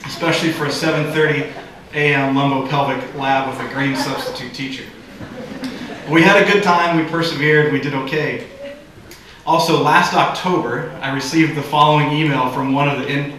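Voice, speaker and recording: A man's voice: a little high, a little hiss or hum. A man from the Bay Area giving a commencement speech at a graduation ceremony, with a joking delivery. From San Francisco Bay Area. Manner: warm joking delivery with audience laughter. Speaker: commencement speaker. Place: large hall at a graduation ceremony. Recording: echoey hall, distant mic.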